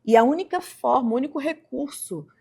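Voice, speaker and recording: A woman's voice: high-pitched, lively intonation, fairly quick, vocal fry, dark tone, husky. Reflective Brazilian woman podcast host. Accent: Brazilian Portuguese. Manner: reflective, with frequent "né" tags and sudden emphatic rises. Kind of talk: casual interview talk.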